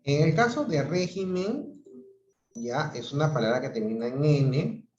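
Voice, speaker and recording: A male teacher gives an online grammar class in an unhurried, deliberate way, pausing to check that students follow. His voice comes through roomy and a little muffled, like dull lo-fi video call audio. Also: fairly high pitch, expressive, darkish tone, a little hiss or hum. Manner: explains patiently, checks in with "¿ok?" and "¿no?".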